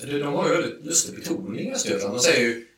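A man's voice: medium pitch, sing-song, recorded from a distance, over a noisy crowd. A man chatting casually, often hesitating with filler sounds and restarting his sentences. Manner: hesitant, fills pauses with "eh" and restarts. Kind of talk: casual chat. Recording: very echoey room, away from the mic.

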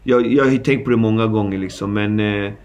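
A man's voice: lowish voice, a little mellow. A man in his forties from the Stockholm suburbs, recounting his past in a candid interview with slangy, vivid retelling and sound effects. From Stockholm suburbs, Sweden. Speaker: guest.

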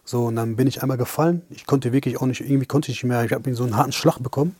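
A man's voice: mid-range voice, very fast, slightly rough, dry recording, studio quality. A young man, a professional boxer, telling a story in casual chat, acting out the lines of the people in it. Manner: animated, retells scenes with quoted dialogue.

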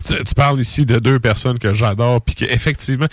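A man with a Québécois French accent in casual podcast chat, animated and joking with emphatic turns of phrase. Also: medium pitch, fast, dry recording, studio quality. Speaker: podcast co-host. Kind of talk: casual chat about metal music.

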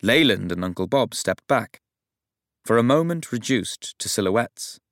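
A man reading a novel aloud as narrator in a measured, even storytelling manner. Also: lowish voice, no echo, studio quality. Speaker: audiobook narrator. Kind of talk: scripted narration.

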